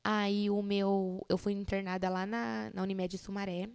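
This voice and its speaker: A woman's voice: mid-range voice, unhurried, vocal fry, clean tone, long reverb tail. A young woman tells a personal testimony in casual chat, acting out what other people said. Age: young adult. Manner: animated storyteller who acts out other people's lines. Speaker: podcast guest.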